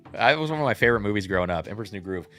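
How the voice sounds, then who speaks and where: A man's voice: on the low side, expressive, very fast, a bit bright, faint music behind. A man in his thirties hosting a casual livestream tasting, thinking aloud and reacting to chat. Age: 30s. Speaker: host.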